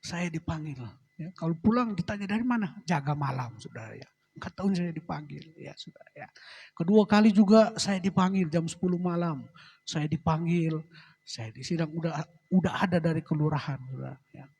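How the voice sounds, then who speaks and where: A middle-aged man, a pastor, giving a personal testimony in church and ending phrases with a soft, trailing address to the congregation. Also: on the high side, normal speed, creaky, breathy edge. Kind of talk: sermon testimony.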